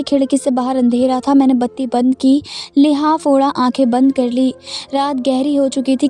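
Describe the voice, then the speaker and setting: A woman telling a first-person story in a steady, even scripted narration. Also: high-pitched.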